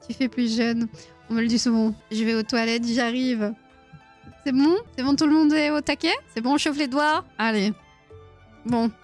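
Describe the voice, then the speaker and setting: A woman in her thirties hosting a live quiz stream, chatting playfully with viewers and giggling often. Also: high-pitched. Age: 30s. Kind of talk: casual live-stream chat.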